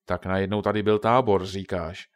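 A man voicing a huge bearlike camp chief in a children's audiobook, speaking in a deep, loud, stern and threatening way. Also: fairly even intonation, no room sound, natural voice. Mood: gruff, stern.

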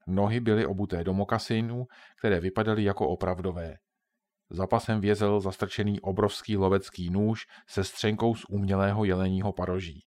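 Male audiobook narrator, low voice, calm even storytelling.

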